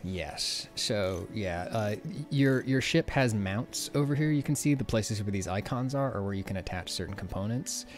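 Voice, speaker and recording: Low-voiced laid-back gameplay host. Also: male voice, normal speed, few pauses, faint music behind. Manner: relaxed, swears casually, reads game text aloud. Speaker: let's play host. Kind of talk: casual gameplay commentary.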